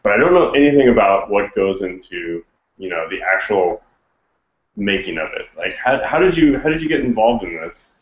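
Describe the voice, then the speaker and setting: A man hosts a casual conversation in a relaxed, hesitant way and restarts his sentences often. His voice is low, and the sound is roomy and dull. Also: moderate pace. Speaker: host. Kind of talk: casual chat.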